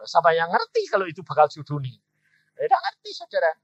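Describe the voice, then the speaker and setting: A man's voice: fast talker, no room sound. A middle-aged man preaching a storytelling sermon, acting out quoted dialogue and often addressing the congregation directly. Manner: animated, acts out quoted dialogue with sudden loud high bursts; addresses the congregation repeatedly as "saudara". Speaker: evangelist preacher. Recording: dull, dry sound.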